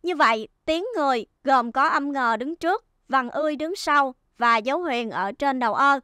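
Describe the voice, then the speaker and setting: A woman teacher giving a first-grade reading lesson, spelling out syllables slowly and clearly. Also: sits high, bright, forceful tone, no echo, clean studio sound. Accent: Vietnamese.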